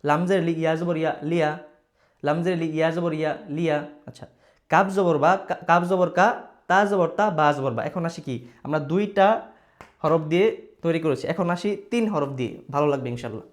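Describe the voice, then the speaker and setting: A patient male teacher, speaking a touch higher than most men. He spells out letters and syllables one by one, repeats them over and over for his students, and drops English words into his talk. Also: fairly quick. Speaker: Quran reading teacher. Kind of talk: online reading lesson.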